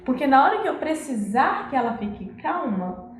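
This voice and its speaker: Woman educator, fairly high voice, echoey room, explanatory live talk. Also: big pitch swings, normal speed. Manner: explanatory, acts out parents' scolding lines. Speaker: parenting educator.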